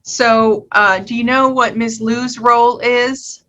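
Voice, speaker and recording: A woman's voice: a little high, steady tone, slow pace, a bit bright, highs cut off. A woman questioning a defendant as a judge, patient and plain-spoken.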